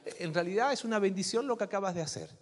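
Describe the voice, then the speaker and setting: A man's voice: lively intonation, quick pace, in a large hall. A man mimicking an indulgent mother who gushes praise and excuses her son. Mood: gushing. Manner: high, gushing, excusing tone.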